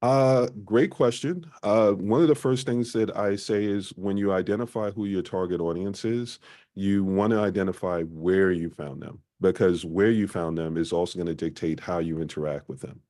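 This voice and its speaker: Deep-voiced man teaching a marketing workshop. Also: normal speed, mellow. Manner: conversational, frequent "uh" fillers. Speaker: business presenter. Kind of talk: small-business marketing workshop talk.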